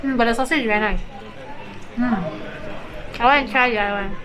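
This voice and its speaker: A woman's voice: a little high, fairly quick, crowd noise, poor audio. A woman narrating a casual travel vlog outdoors, chatty and explanatory with lots of filler words like "so" and "like". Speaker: travel vlogger.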